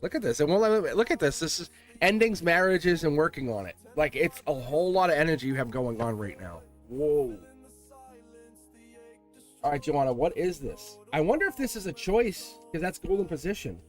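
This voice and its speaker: A man with a Boston accent hosting a casual live tarot reading, chatting to viewers in an excitable, chummy, slangy way. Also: on the high side, normal speed, soft background music. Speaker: tarot reader and livestream host.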